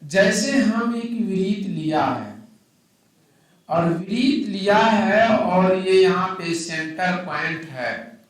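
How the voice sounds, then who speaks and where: A man's voice: sits high, lively intonation, takes it slowly. A man teaching maths in a classroom lecture, who keeps asking the class questions and answering them himself. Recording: echoey room, mic at a distance.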